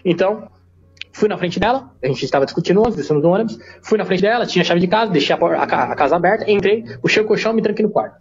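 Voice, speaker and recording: A man tells a personal story in rapid, slangy, animated speech. His voice sits fairly high for a man. The recording is dull and lo-fi. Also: crowd noise. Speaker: podcast guest. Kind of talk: casual storytelling.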